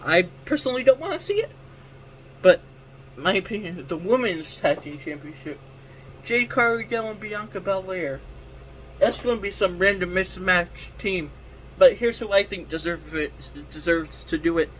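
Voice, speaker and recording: A man with a notably high voice for his sex talks casually on his own wrestling show. He rambles, corrects himself mid-sentence and circles back on his points, with faint ambience behind him. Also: animated, moderate pace, fairly bright tone, a little hiss or hum, poor audio. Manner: rambling, self-correcting, full of restarts. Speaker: wrestling podcast host. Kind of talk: casual solo commentary.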